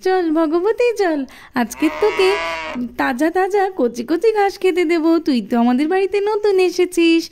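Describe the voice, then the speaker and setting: A woman's voice: very high-pitched, lively intonation, normal speed, background noise. A woman voicing an eager, caring schoolgirl in a doll cartoon. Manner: eager, pleading.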